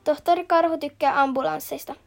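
A woman reading a children's picture book aloud, steady and clear, noting each page turn. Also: high voice. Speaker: storybook reader.

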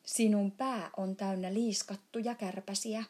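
A big friendly giant voiced by a woman rumbles and booms through a storybook reading, tripping over his own words. He is muddled and good-natured, prone to sudden shouts. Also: fairly even intonation, natural voice. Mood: booming muddled. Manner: jumbled grammar, booming shouts.

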